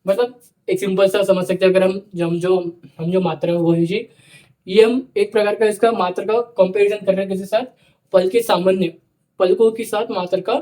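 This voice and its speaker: Mellow-voiced male teacher dictating notes. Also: sits high. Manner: repeats phrases slowly for note-taking, says "ठीक है" often. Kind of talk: dictated classroom lecture.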